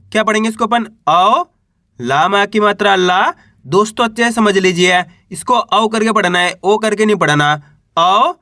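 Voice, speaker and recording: A man with a high, bright voice teaches reading. He breaks each word into syllables, says them slowly, then asks the listener to repeat. The close recording is dry, with no room sound. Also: no echo. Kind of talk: spoken lesson.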